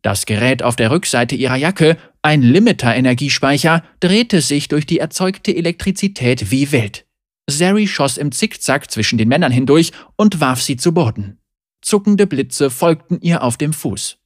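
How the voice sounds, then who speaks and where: An audiobook narrator reading a fantasy story with expressive, scripted storybook narration. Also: mid-range voice, normal speed, no echo, clean studio sound.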